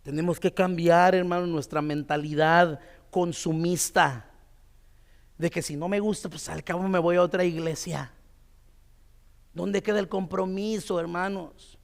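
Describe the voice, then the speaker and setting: A man preaching in a church with a fairly high voice. He talks in a loose, conversational way, tossing in tag questions and fillers as he goes. The sound carries a long reverb from the church hall. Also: fairly even intonation, a little slow, gravelly. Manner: tells a story with many "dice" quotes. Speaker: pastor. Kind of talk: sermon.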